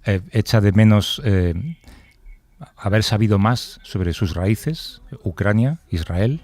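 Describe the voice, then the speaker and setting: A man with a Spain Spanish accent hosts a radio interview. His voice is very low and mellow, and he asks his questions in a measured way, padding them with "eh" and repeating words as he looks for the phrasing. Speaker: radio host.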